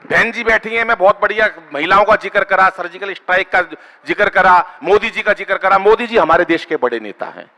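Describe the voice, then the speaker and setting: A high, bright-voiced man performs stand-up comic poetry into a stage microphone. He banters with the crowd, teases people in the seats and keeps asking for claps. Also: lively intonation, brisk, long reverb tail. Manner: bantering with the audience, asks for applause. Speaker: stand-up poet. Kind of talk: kavi sammelan comic poetry.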